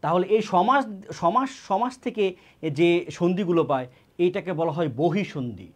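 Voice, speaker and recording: A man's voice: high-pitched, lively intonation, normal speed. A man giving an exam-prep grammar lesson, often repeating key words and asking and answering his own questions. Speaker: teacher.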